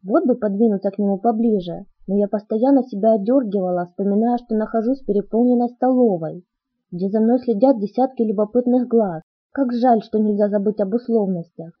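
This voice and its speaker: A woman reading a first-person novel aloud as an audiobook narrator, in an even, earnest storytelling manner. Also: medium pitch, a little fast, slightly rough, highs cut off. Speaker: audiobook reader.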